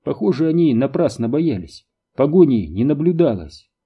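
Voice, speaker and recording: A man narrating an audiobook in an even, measured reading. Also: medium pitch, breathy edge, dull audio.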